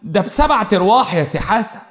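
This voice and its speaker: A man's voice: high voice, sing-song, quick pace, a bit bright, pitched above the performer's own voice. A man with an Egyptian accent voicing an anxious young woman trapped by her husband, speaking in a pleading, fearful way. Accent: Egyptian Arabic.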